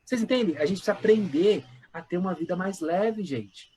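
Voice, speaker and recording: A man's voice: high voice, fast, mellow, a little hiss or hum. A man from Brazil, a pastor teaching an informal church Bible class in a conversational way, repeating words and asking the class questions.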